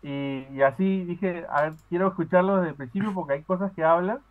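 Over a tinny phone line, a Peruvian man calls into a podcast and chats casually. His voice is high and fairly quick, full of fillers and restarts.

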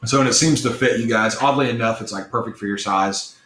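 A man's voice: medium pitch, a little fast, fairly bright tone. A man narrating as game master for a tabletop game in a loose, rambling way with lots of fillers. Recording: echoey room with faint noise.

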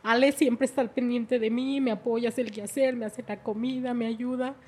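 A woman's voice: fairly high pitch, fairly even intonation, normal speed, mellow, slightly rough. A middle-aged woman, telling her life story in an emotional way and often repeating her words. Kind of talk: personal testimony.

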